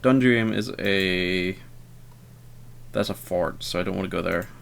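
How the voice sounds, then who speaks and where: Rambling low-voiced man playing a game. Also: a little slow, gravelly, fairly bright tone, a little hiss or hum. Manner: rambling, hesitant, lots of fillers; self-deprecating and wry. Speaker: let's player. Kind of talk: casual gameplay commentary.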